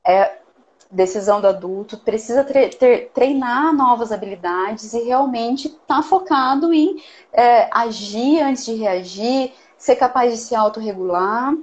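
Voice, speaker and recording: A woman's voice: fairly high pitch, a little mellow, highs cut off. A woman giving earnest parenting advice in a casual talk, often checking in with "né?". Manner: earnest, explains with many "né?" tags. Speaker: parenting guest expert.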